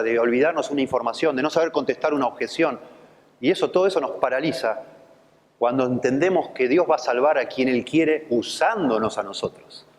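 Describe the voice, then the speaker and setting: In a church with big-room sound, a pastor in his fifties with a Rioplatense Spanish accent and a mid-range voice preaches a sermon built around a personal anecdote. His manner is conversational storytelling, and he acts out quoted voices.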